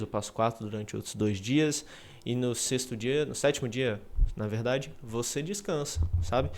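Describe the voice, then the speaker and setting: A man's voice: mid-range voice, darkish tone. Casual man teaching. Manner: conversational, with frequent check-ins and restarts. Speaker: English teacher. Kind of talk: casual spoken lesson.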